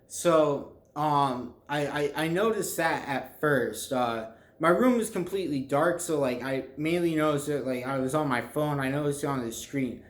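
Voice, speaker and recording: A young man chatting casually to viewers in a halting, rambling way, often groping for words. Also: fairly high pitch. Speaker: vlogger telling a personal story. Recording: echoey, reverberant room.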